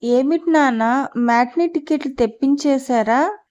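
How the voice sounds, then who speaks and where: A lively young working woman from a storybook, eager and brisk with her family, as a woman narrator reads her. She sounds high-pitched, and the recording is a little dull. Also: lightly acted.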